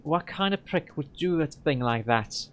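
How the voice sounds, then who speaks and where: A man's voice: on the high side, lively intonation, a little slow, fairly bright tone. A man voicing a feisty young woman hacker. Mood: angry. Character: young woman decker, small voice turning raucous, feisty.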